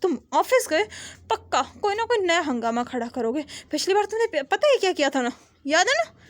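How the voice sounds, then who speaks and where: A woman's voice: high voice, lively intonation, moderate pace. A woman voicing a bossy but loving older sister, a young businesswoman, scolding and teasing her younger brother in a storybook retelling.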